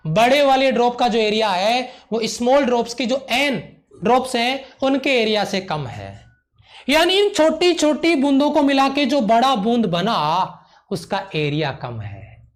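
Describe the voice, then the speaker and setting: A man's voice: very high voice, sing-song, measured pace. A man teaching physics in a live online lecture, emphatic, repeating key points, often checking whether students follow and showering them with praise.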